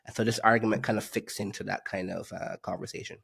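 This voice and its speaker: A man from Barbados, a guest economist on a podcast interview, explaining his views in a measured way with frequent fillers. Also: on the low side, fairly even intonation, vocal fry, fairly bright tone, breathy edge.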